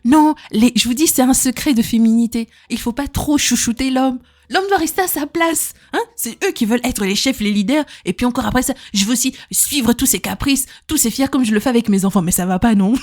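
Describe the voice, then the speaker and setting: Young woman host, chatty and emphatic, slightly high pitch, repeats herself. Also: a little mellow. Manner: emphatic, peppers speech with "hein", repeats words. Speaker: podcast host. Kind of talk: casual advice talk to listeners.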